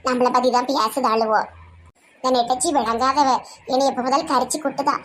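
Woman, Tirunelveli Tamil accent, very high voice, fast talk, chatty and teasing. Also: fairly even intonation, fairly bright tone, slight background noise. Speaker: comedy sketch performer. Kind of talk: village comedy sketch.

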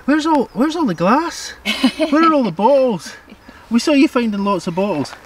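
A man's voice: extremely high pitch, expressive, normal speed, slight background noise. A Scottish man co-hosting a digging video, chatting playfully outdoors and laughing often. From Scotland. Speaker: mudlarking channel co-host. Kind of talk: casual chat while digging. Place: outdoors at a bottle dump.

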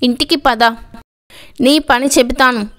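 In an audio story, a woman with a high voice voices a hot-tempered middle-aged father who is angry and scolding. She speaks at a slow pace with a steady tone, yet sounds furious, shouting in anger.

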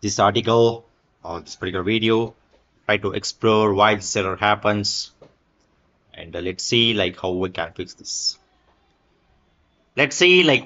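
A man's voice: fairly low pitch, fairly bright tone, lo-fi sound. A man narrating a screen-recorded tech tutorial, reading an article aloud with fillers and small slips.

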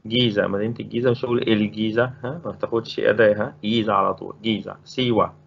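A man's voice: fairly low pitch, fairly even intonation, racing, gravelly, dull audio, slight background noise. A man with an Egyptian Arabic accent teaching Spanish grammar in a recorded lesson, explaining step by step and repeating each word. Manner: explains step by step, repeating words and asking rhetorical questions.

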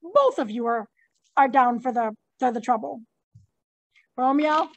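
A woman teacher with a high-sitting voice, speaking a little slowly, leads her class through a read-through of a play. She reads the stage directions and prompts the readers with animated, informal asides.

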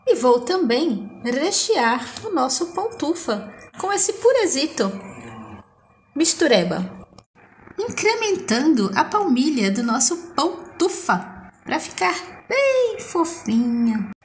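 Her voice sits high and swings widely in pitch, moving at a slow pace against slight background noise. She's a middle-aged Brazilian vlogger narrating her food playfully to a phone camera in her home kitchen, dreaming up endearing diminutives as she goes.

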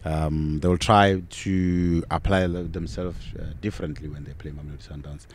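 Deep-voiced man chatting about football. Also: moderate pace, a little hiss or hum. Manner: relaxed, laughs often, repeats words. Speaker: football podcast co-host. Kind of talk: casual football talk. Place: outdoors on a sunny football field. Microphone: handheld mic on a stand.

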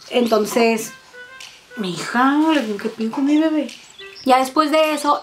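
Woman, Mexican accent, highish voice, fast profane storytime, faint music behind. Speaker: vlogger. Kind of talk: casual storytime chat.

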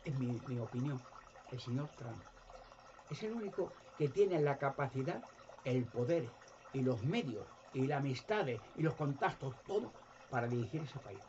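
Emphatic Spanish man over loud noise. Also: mid-range voice. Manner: emphatic, repeats words, acts out quoted voices. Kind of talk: impassioned monologue. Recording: dull lo-fi audio with loud background noise.

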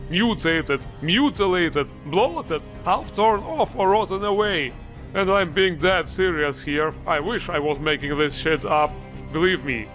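A man's voice: on the high side, a bit bright. A man narrating a scripted game mod review in a sarcastic, exasperated, foul-mouthed manner.

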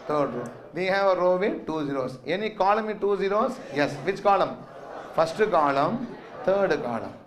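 Male maths lecturer, South Indian accent, voice a bit higher than average, dictating with repetition and quizzing the class. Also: lively intonation, normal speed. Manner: repeats phrases and figures for note-taking; quizzing, prompting questions to students. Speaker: maths teacher.

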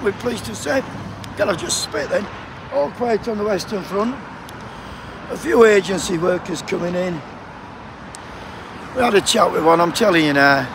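On a noisy outdoor picket line next to a busy road, a high-voiced Yorkshire man from Sheffield, England, who is a striking postal union picketer, trades joking banter with passers-by for a casual vlog. He's chatty, cold, and swears freely, with passing traffic audible behind him.

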